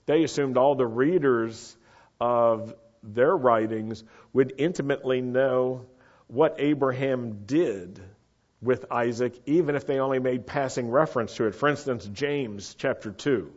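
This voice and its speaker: Before a live congregation in a meeting room, a man teaches on the Torah portion, occasionally asking the audience questions. He speaks unhurriedly in a medium-pitched, slightly mellow voice, captured in a muffled lo-fi recording.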